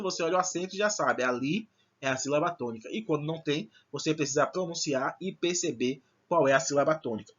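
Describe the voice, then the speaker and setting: Male teacher, bright and sharp tone, explains step by step, dull lo-fi recording. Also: on the high side, husky. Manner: explanatory, checks in with frequent "certo?". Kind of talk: recorded online Portuguese lesson.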